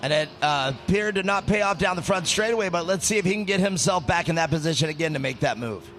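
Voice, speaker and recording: A man's voice: fairly high pitch, fast talker, fairly bright tone, soft background music. A man giving color commentary on an off-road race, chatty and telling anecdotes.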